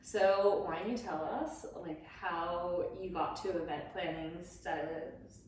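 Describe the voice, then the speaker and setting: A woman hosts a relaxed chat over a glass of wine, bubbly and encouraging. Her voice sits at a middle pitch and comes from some way off the mic, in a very echoey room. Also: takes it slowly, far from the mic, a little hiss or hum. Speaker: host of a wine-tasting interview series. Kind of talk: casual interview chat.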